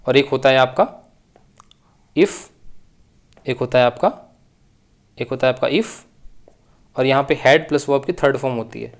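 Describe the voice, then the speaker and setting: A man teaching an exam-prep English grammar lesson, explaining step by step and repeating key phrases. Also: mid-range voice.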